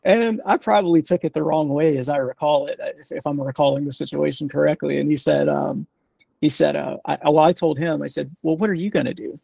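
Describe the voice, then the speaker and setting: A retired Army sergeant, a man, being interviewed, telling stories in a relaxed, rambling way full of fillers and restarts. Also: on the high side, a little fast, gravelly, dry recording. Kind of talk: casual storytelling interview.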